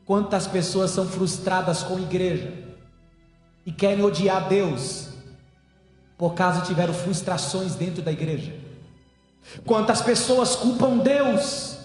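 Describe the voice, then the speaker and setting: High-voiced man preaching fervently in echoey hall. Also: measured pace, pauses often, soft background music. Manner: fervent preaching, swelling to shouts at climaxes; repeats phrases for emphasis. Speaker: pastor. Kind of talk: sermon. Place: church hall, evening service. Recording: echoey hall with long reverb.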